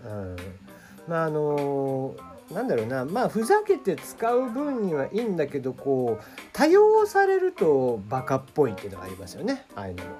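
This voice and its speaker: A man hosting a casual solo web radio talk, reading listener questions in a rambling way with many fillers and a slight mixed regional lilt under standard speech. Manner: rambling, many fillers, animated pitch swings.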